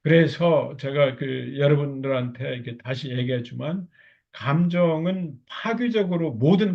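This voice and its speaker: A man's voice: a little high, vocal fry. A middle-aged man lecturing on marriage counseling, explaining patiently, posing rhetorical questions and padding phrases with fillers. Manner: frequent filler "like this" between phrases. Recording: dull lo-fi lecture recording.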